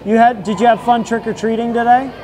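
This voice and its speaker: A woman's voice: fairly high pitch, steady tone, quick pace, natural voice. A woman in character as a friendly vampire count, chatting casually with trick-or-treaters as a local TV host at an outdoor Halloween event. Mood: cheery. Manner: playful, upbeat, chatty with kids. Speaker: local TV host handing out candy. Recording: outdoor event with crowd noise.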